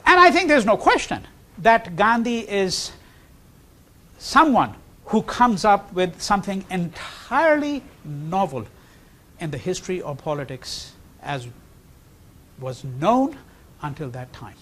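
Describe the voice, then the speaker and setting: A man giving a university history lecture, animated, posing rhetorical questions and checking in with "okay?" and "right?". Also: high voice, takes it slowly, long pauses.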